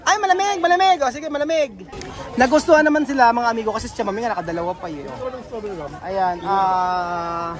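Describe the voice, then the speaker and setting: A woman vlogging outdoors, chatting with children in a lively, coaxing way and switching between languages. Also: medium pitch, a little fast. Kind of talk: casual vlog chat with children. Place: busy street outdoors. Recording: crowd and music noise outdoors. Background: street crowd and music.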